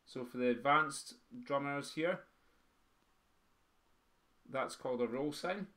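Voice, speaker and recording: A man leads a beginners' music writing lesson for pipe band drummers. He counts the beats out loud and sings the rhythms in drum syllables. Now and then he stops to quiz his students. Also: medium pitch, takes it slowly. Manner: quizzes the students. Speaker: drum teacher. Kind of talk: teaching a music theory lesson.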